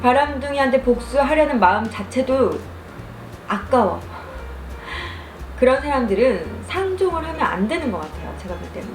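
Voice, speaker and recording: Animated higher-voiced woman chatting while eating. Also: normal speed. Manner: animated storytelling, acts out quoted lines. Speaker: mukbang vlogger. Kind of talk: casual storytelling over food and drink. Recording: roomy echo, music behind.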